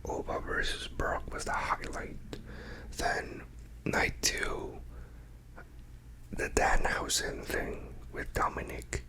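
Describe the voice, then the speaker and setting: Casual ASMR rambler needed: crisp whisper, unhurried, quiet late-night delivery, drifting between thoughts. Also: poor audio. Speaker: ASMR creator talking to followers.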